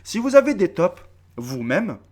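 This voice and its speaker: Guy in his 30s w north african accent, vlogging to his subs, pitch jumps all over, curses a lot, keeps repeating himself. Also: unhurried. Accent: North African French. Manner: animated, swearing, repeating himself, addresses viewers directly. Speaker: YouTube video creator. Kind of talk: casual face-to-camera vlog.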